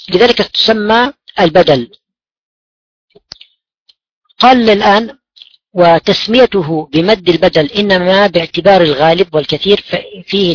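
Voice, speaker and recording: A man's voice: high-pitched, no echo. A man teaching Quran recitation rules, patiently posing questions and answering them himself, repeating key words. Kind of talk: explaining tajweed rules. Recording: dull lo-fi dry recording.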